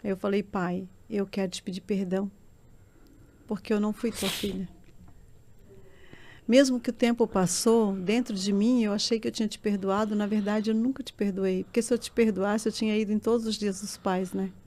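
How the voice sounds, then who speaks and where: A woman's voice: medium pitch, steady tone, normal speed, dark tone. Emotional woman giving testimony. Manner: earnest, emotional storytelling that swells into tearful intensity.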